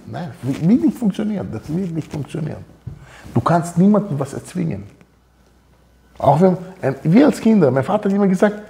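A Torah teacher gives an informal talk, telling personal stories and animatedly acting out the dialogue in them. His voice is on the high side and gravelly.

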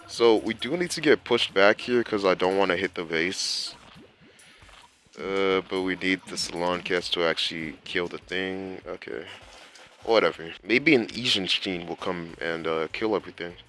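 Young dude w a low pushy voice, exasperated rambling game commentary, slangy. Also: male voice, normal speed, a bit bright. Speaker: gaming channel host. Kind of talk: casual gameplay commentary. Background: faint game music.

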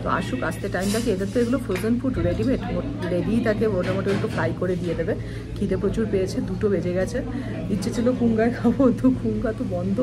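A woman travel vlogger from India chatting with viewers and guiding them around, with music playing behind her. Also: mid-range voice. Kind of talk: travel vlog, voice-over and on-the-spot talk. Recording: background music under the voice.

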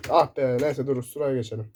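A man commentating his own first-person shooter gameplay, excitable and shouting in bursts, keyboard clicks close by. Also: mid-range voice, fast talker, slight background noise. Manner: excitable, shouting in sudden bursts during play. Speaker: gaming YouTuber. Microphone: desk mic picking up keyboard. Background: loud keyboard typing.

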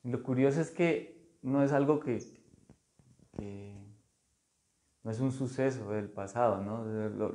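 A man from Colombia, an artist, talking slowly and thoughtfully in his studio, pausing often and restarting his phrases. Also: lowish voice, dark tone. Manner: slow, thoughtful, halting with many fillers. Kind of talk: casual conversation about art.

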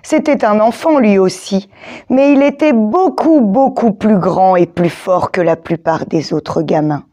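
A woman reading a children's picture book aloud, in a slow, expressive storytelling manner. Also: mid-range voice. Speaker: storybook reader.

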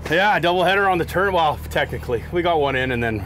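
A man's voice: fairly high pitch, expressive, a bit bright. Joking man on a noisy fishing boat. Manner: joking, teasing, quick laughs. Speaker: fishing show host. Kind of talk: casual outdoor fishing banter. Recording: boat and water noise behind.

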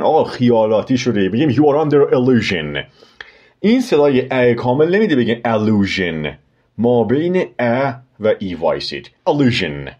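A man with a Persian accent teaching English vocabulary in an online lesson, explaining at length and slowing down for careful English examples. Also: medium pitch, a little mellow, highs cut off.

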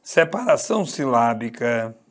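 A man's voice: medium pitch, very animated, measured pace. A man teaching an online exam-prep Portuguese class, emphatic and repetitive, often checking in with his students. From Brazil. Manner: emphatic, repeats key points, asks "tá certo?".

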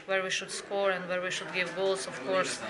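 A young woman footballer from Serbia with a Serbian accent, answering post-match questions in halting non-native English with small laughs. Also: fairly low pitch, little pitch movement, a crowd in the background, rough recording. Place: indoors by a brick wall after a match. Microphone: handheld mic on a stand near the chin.

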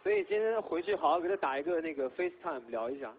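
Young male singer, high and expressive, playful banter, tinny lo-fi recording. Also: quick pace, a little hiss or hum. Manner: animated, laughing, teasing. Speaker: singer guest on stage. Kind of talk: playful stage chat. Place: concert stage.

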